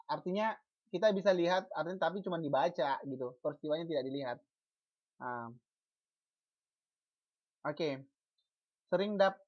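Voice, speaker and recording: Over a video call, a teacher with a mid-range, darkish voice gives an online lecture, asking the class questions and then answering them. The speech has many false starts and repeated syllables, and the recording is muffled.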